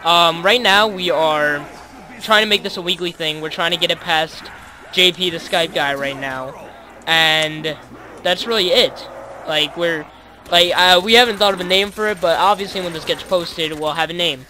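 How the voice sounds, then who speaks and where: Young man, high pitch, very bright, rambling, faint background hiss. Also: normal speed, rough recording. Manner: rambling, many fillers. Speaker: podcast host. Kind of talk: casual gaming podcast chat.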